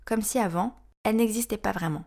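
Frank, gravelly woman podcast host. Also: medium pitch, brisk, darkish tone. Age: 30s. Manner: frank, wry, confiding. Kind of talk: scripted podcast narration.

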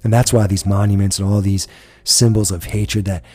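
A man's voice: lowish voice, flat delivery, moderate pace, mellow, soft background music. A man from the United States hosting a podcast, delivering an impassioned, profane political rant. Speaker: podcast host.

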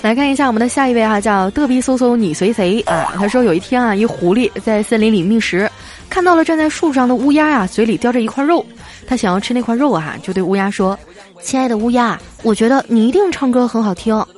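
A woman with a fairly high voice hosts a comedy segment and reads listener jokes in a playful, storytelling way. She stretches her sentence-end particles. Faint music plays softly behind her. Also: expressive, fast talker. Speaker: radio show host. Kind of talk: reading listener jokes aloud.

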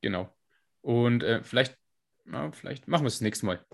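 A man with a scratchy smoker's rasp, co-hosting a podcast and explaining technical points in an informal, casual way. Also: mid-range voice, lively intonation, moderate pace. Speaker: podcast co-host and fitness coach.

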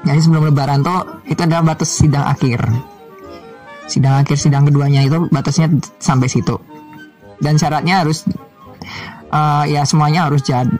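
Young man, loose rambling vlog chat, slightly high pitch, faint music bed. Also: fairly even intonation, a little fast, pauses often, a little mellow. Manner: rambling, many fillers and restarts. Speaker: vlogger. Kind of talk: casual chat to viewers.

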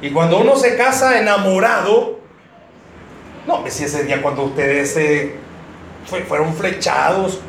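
A man preaches to couples in a bright, high voice, teasing the congregation and drawing laughs. His voice rings around a roomy church hall over a faint hiss. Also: unhurried, long pauses. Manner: joking, addresses the congregation directly. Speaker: pastor. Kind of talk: sermon to married couples.

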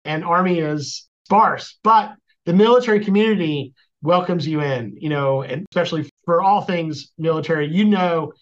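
A man chatting casually as an interview guest, halting and repeating words as he goes. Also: on the high side. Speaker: podcast guest, lawyer. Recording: dull, lo-fi audio.

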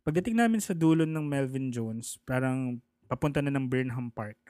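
A man's voice: mid-range voice, normal speed, clear, resonant tone, no echo. A man casually telling a personal story, acting out the people he quotes. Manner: animated, acts out the people he quotes.

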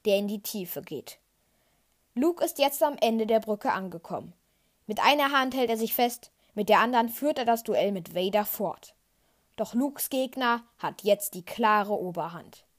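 A woman's voice: fairly high pitch, animated, unhurried. A woman hosting a podcast, dramatically narrating a retold story. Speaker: podcast host. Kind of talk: scripted story retelling. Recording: narration over music.

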